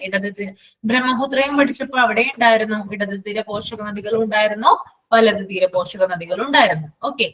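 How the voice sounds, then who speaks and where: A woman teacher, running a live online class and repeating lists slowly so students can write them down. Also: a little high, a bit bright, poor audio.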